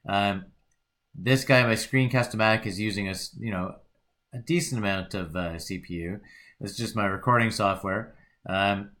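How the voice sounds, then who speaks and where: Low-voiced man giving a casual software walkthrough. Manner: rambling, self-correcting, relaxed. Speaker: instructor. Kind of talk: casual screen-recorded tutorial.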